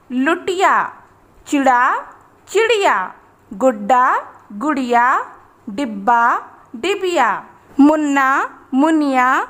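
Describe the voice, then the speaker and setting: A woman teacher giving a grammar lesson, reading word pairs in a measured list and explaining each rule. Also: very high voice. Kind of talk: slow, deliberate grammar lesson.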